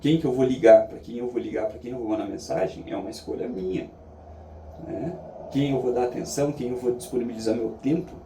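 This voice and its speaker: A Brazilian man giving a reflective, casual monologue in an earnest, halting way, often checking in with short tag questions. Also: mid-range voice, steady tone. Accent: Brazilian Portuguese. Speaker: vlogger sharing daily reflections. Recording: echoey, distant mic, faint background noise.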